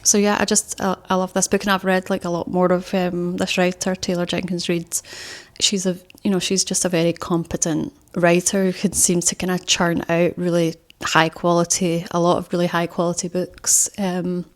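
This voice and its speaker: A woman's voice: fairly low pitch, flat delivery, normal speed. A young woman chatting casually about favourite books, rambling with many fillers and restarts. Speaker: book vlogger. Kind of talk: casual book talk to camera.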